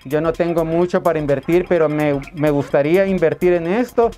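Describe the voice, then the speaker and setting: A man's voice: fairly high pitch, brisk, warm tone, faint music behind. A man with a Salvadoran accent talking politely and a little hesitantly as a customer in a phone conversation. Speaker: caller, prospective customer. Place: indoors, small room. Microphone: lapel mic.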